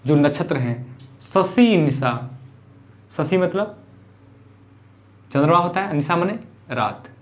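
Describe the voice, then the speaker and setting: A man with a fairly high voice explains a classic poem to exam students. He works through it phrase by phrase, repeating himself as he gives the meanings of words. He often asks the class a question and then answers it himself. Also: expressive, a little slow, long pauses. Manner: repeats phrases while glossing word meanings. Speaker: teacher.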